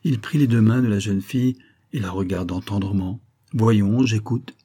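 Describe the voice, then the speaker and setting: A man reading a novel aloud as an audiobook narrator in a calm, measured way. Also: on the low side, husky.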